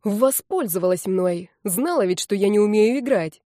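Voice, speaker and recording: A brash young man full of sneering sarcasm, read aloud by a woman. The tone stays warm and mellow, in a dry close sound. He needles everyone in an insolent drawl. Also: mid-range voice, expressive, moderate pace, dry recording, natural voice. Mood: mocking. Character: brash mocking young male musician.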